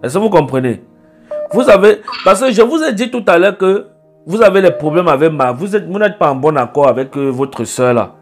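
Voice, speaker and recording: A man's voice: on the high side, lively intonation, fairly quick, soft background music. A man acting as a prophet in a call-in consultation, scolding the caller insistently and repeating himself.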